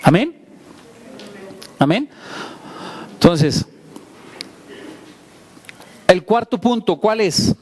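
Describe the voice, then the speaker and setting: A man delivers a sermon in a fairly high-pitched voice. He preaches in a conversational way, asking his congregation questions and joking about his own stumbles. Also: expressive, drawn-out words, long pauses, darkish tone. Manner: self-deprecating asides. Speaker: pastor.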